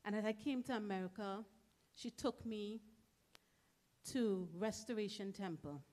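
A woman's voice: mid-range voice, unhurried, warm tone. A middle-aged woman from Trinidad, giving a heartfelt memorial eulogy in short, emphatic phrases as a church member.

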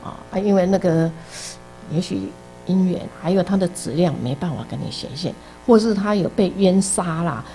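A woman's voice: fairly low pitch, animated, normal speed, dark tone, faint music behind, low-quality recording. A middle-aged woman from Taiwan, teaching a casual Buddhist class in a chatty storytelling way, full of interjections. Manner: chatty storytelling, many interjections, laughs at own jokes. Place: basement classroom.

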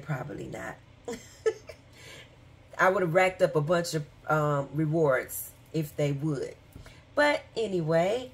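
A woman vlogger talking casually and rambling with fillers and asides, who has the hiccups. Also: fairly low pitch. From Michigan, USA. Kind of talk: casual chat.

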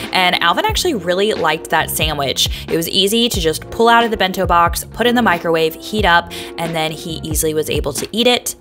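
Chatty woman narrating her lunch prep. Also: lowish voice. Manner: chatty, upbeat, uses many fillers. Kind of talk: casual voice-over narration.

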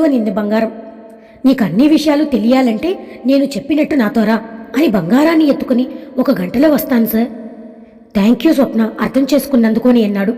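A woman's voice: dark tone, big-room sound. A woman narrating a dramatic family story, giving each character a small lift of her own voice. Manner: voices all characters herself with small pitch lifts.

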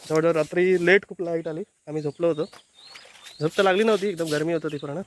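A man narrating outdoors at a village house in a casual family vlog, talking relaxed to viewers. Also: a little high, fast talker.

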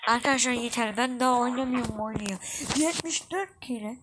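High-pitched, excitable woman gaming. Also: a little fast, rough recording. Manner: excitable, frustrated, bursts of exclamations. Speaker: gameplay channel host. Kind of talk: casual gameplay commentary. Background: background music.

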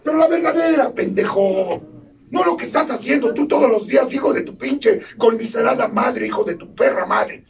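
A Mexican man with a Mexican Spanish accent giving crude, profanity-laden testimony at a support meeting, bursting into shouts. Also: very high-pitched, moderate pace, gravelly. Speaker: recovery group speaker. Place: meeting hall. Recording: distant mic in a noisy crowded room.

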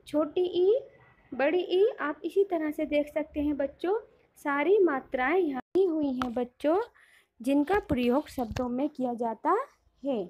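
A woman's voice: sits high, a little slow, lo-fi sound. A woman teaching a primary school class online, explaining patiently and often addressing the children directly.

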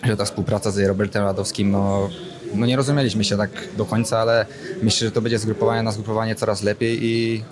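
Fast-talking young man, low voice, crowd noise. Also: level tone. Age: young adult. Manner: modest, plain, clears throat. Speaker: footballer. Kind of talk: post-match interview. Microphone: handheld broadcast mic.

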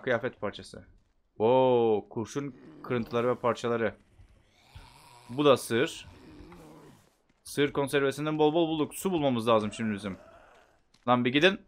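A man giving casual gameplay commentary, chatting to himself and bursting into loud shouts at the game. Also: mid-range voice, normal speed, pauses often. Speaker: gameplay streamer.

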